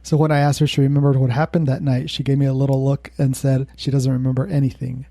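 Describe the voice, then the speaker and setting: A man's voice: medium pitch, level tone, fast talker, creaky, warm tone, no room sound. A male podcast co-host telling a spooky story in casual chat, laughing now and then. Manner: laughs while telling a creepy tale.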